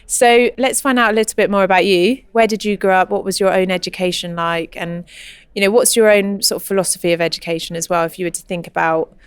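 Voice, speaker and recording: Smooth-voiced woman host asking questions. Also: medium pitch, fairly even intonation, fast talker, dry recording. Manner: long winding questions with fillers. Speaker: podcast host. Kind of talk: interviewing a guest.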